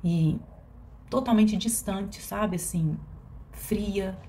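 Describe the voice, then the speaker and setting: Give me a woman with a low, warm voice, talking slowly and hesitantly in a personal vlog. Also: steady tone, slight background noise. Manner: reflective and hesitant, with many fillers and restarts. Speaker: vlogger.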